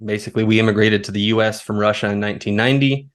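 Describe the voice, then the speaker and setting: A man in his thirties speaks as a podcast guest with a lowish voice. He tells his stories in a relaxed, rambling way. His delivery stays easygoing throughout. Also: rapid-fire. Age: 30s. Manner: relaxed, storytelling, now and then laughing. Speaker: guest, foraging expert. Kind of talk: conversational interview.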